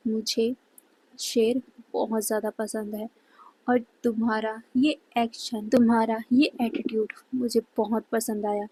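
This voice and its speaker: Lady reading as a cold dominating alpha guy, husky and mellow, slow and menacing. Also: fairly high pitch, little pitch movement, low-quality recording. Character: cold dominating male alpha wolf leader.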